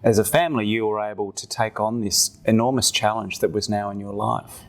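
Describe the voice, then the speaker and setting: A man's voice: fairly low pitch, steady tone, a little fast, gravelly. A man asking open questions as an interviewer in a recorded conversation.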